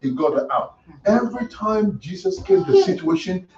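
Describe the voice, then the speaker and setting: A man's voice: sits high, huge pitch swings, moderate pace, darkish tone. A man giving a conversational teaching sermon at a ministry training, often checking in with "You understand?". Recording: echoey room, far mic, dull, crowd. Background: listeners murmuring agreement.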